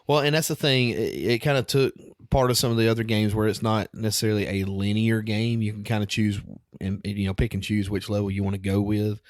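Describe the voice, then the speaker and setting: A man's voice: fairly low pitch, steady tone, brisk, hardly any pauses, dry recording, clean studio sound. A man in his thirties co-hosting a podcast, chatty and upbeat, laughing easily in casual chat. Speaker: podcast co-host.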